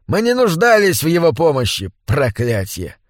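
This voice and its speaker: A man voicing a haughty, bad-tempered old man in a wheelchair, domineering and prone to shouting, in an audiobook. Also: fairly high pitch, huge pitch swings, normal speed, no room sound, clean studio sound. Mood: furious. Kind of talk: audiobook character voice.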